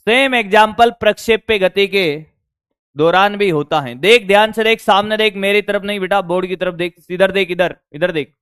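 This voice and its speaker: A male physics teacher, lecturing online at a board, his voice hoarse from shouting, coaxing students and checking whether they follow. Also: high-pitched, normal speed, no echo, clean studio sound. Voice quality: strained, worn voice. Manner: coaxing, keeps asking if students got it.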